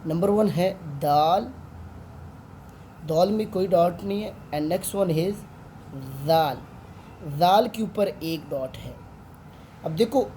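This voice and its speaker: Patiently drawing out every sound, a man with a Pakistani Urdu accent tutors Arabic letters online as a Quran teacher. His high voice has a warm tone, and slight background noise is audible.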